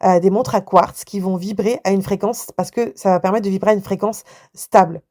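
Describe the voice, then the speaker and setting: A woman's voice: mid-range voice, steady tone, brisk, dark tone. A woman hosting her own podcast, talking casually and with enthusiasm, with frequent fillers and restarts. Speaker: podcast host. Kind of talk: casual solo podcast talk.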